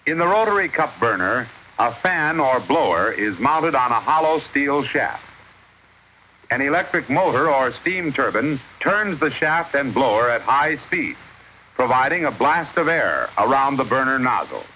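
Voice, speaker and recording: A man's voice: medium pitch, very animated, measured pace, sharp tone. A man narrating a 1950s educational film in the formal, instructive manner of an old newsreel narrator. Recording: noisy vintage 1950s film soundtrack.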